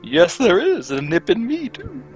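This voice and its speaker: In an old-time radio play, an actor portrays a genial older gentleman doctor, his medium-pitched delivery leaping dramatically up and down with huge swings. He tells his story heartily and full of exclamations at a moderate pace, with light music underneath.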